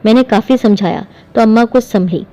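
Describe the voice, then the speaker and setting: Woman reading a mellow household drama. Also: fairly high pitch, highs cut off. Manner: reads all parts in one voice with light shifts. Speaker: storyteller. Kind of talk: scripted first-person narration.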